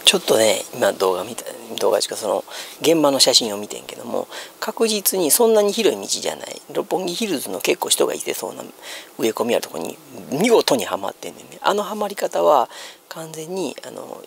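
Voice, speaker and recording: A man's voice: medium pitch, very animated, fairly quick, gravelly, a little hiss or hum. A man with a Kansai Japanese accent chatting casually as a solo streamer, explaining news and thinking aloud. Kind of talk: casual chat commentary on news. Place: small room at home, seated on a sofa.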